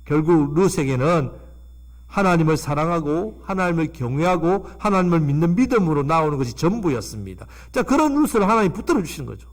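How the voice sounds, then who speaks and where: A man's voice: fairly high pitch, animated, fairly quick. A male pastor preaching a Sunday sermon to his congregation, with emphatic delivery that rises and falls. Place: church sanctuary.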